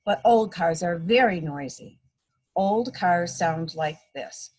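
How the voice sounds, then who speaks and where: Here the same kind of story time: a guest reader who is a mother shares a picture book with small kids, keeping explanations simple and teacherly while she plays out sound effects. She speaks slowly in a fairly low, expressive voice that is darkish and slightly rough.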